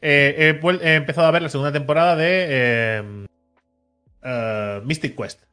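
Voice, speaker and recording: A man co-hosting a podcast, chatting casually and telling stories with lively swings into loud mimicked shouts. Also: on the high side, moderate pace, soft background music. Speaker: podcast co-host. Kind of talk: casual chat.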